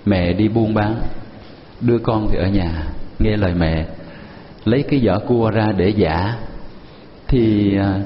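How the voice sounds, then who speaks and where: A man telling a story slowly and deliberately to listeners he addresses as children. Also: on the low side, in a large hall, a little hiss or hum. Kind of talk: slow spoken storytelling to listeners. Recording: dull lo-fi recording with music.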